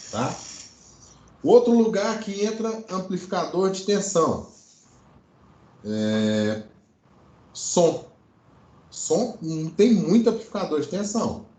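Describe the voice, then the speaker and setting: A man's voice: sits high, very animated, a little slow, long pauses, warm tone. A Brazilian man giving an informal online electronics lecture, explaining things and often checking in with short tags. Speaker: electronics teacher. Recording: roomy, echoing online class audio.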